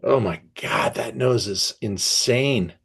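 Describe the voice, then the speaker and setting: A man hosting an online wine tasting, reading tasting notes aloud and breaking off to react with enthusiasm, often pausing with fillers and restarts. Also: medium pitch, vocal fry, a bit bright, breathy edge. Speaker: wine merchant presenting a tasting.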